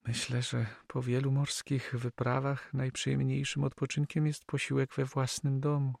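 A man doing a soft, high young Flemish woman. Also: monotone, moderate pace, vocal fry, no echo, studio quality. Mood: tender. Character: young Flemish woman, tender, anxious, devoted. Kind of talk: audiobook character reading.

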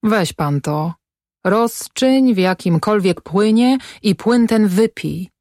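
A woman's voice: medium pitch, animated, slow pace, darkish tone, no echo, clean studio sound. A woman reading the part of a poor old male apothecary in a stage play, cautious and reluctant. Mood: wary.

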